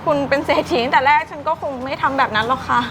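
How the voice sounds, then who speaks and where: A woman's voice: high-pitched, very fast. A woman playing a snobbish, rude young shopkeeper who insults customers. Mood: flustered. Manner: scornful, shouting insults. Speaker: shop owner's daughter. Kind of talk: short-film drama acting. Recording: music playing underneath. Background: background music.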